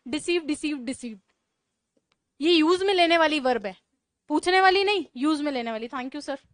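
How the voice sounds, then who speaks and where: Female teacher, high pitch, dry close sound, brisk chatty classroom lecture. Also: expressive, no echo. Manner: brisk, chatty teaching with rhetorical questions to students. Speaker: English vocabulary teacher.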